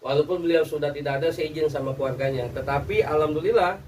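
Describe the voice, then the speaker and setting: A man teaching religious practice in a relaxed, conversational way, often pausing on "ya" and "nah" and checking that listeners follow. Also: a little high. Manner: conversational, with frequent "ya" and "nah" fillers. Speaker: Islamic spiritual teacher. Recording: distant mic with faint background noise.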